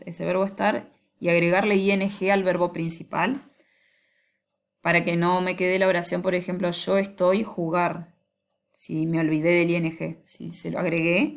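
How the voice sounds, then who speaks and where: A woman walks students through a grammar lesson. Her voice sits a little low and carries a gravelly edge. She talks patiently and slows down whenever she reads out an example. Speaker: English teacher.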